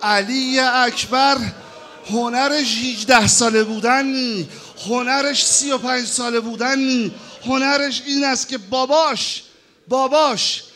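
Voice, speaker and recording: A male preacher reciting a mourning sermon, lamenting and sighing, moving between hushed grief and loud wailing. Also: very high voice.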